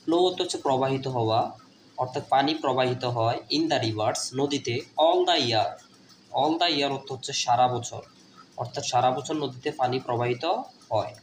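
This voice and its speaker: A man's voice: medium pitch, normal speed, echoey room, slight background noise, rough recording. A man from Bangladesh teaching an online English lesson, patiently spelling words letter by letter and explaining their meaning.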